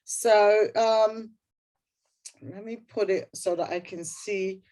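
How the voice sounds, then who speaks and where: A woman's voice: mid-range voice, steady tone, slow, warm tone. Guest speaker: middle-aged woman, Guyanese accent, candid storyteller, informal online talk. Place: indoors at a computer on a video call. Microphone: video call.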